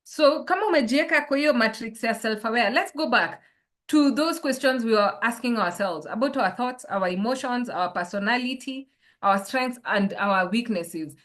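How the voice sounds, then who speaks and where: A woman's voice: a little high, expressive, moderate pace, fairly bright tone. A woman, a life coach leading an online workshop and posing reflective questions to her listeners over a video call.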